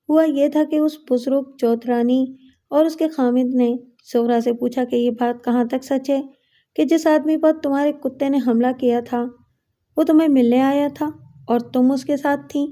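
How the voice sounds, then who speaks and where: A woman storyteller giving a scripted narration of a moral tale in a steady, measured way. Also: sits high.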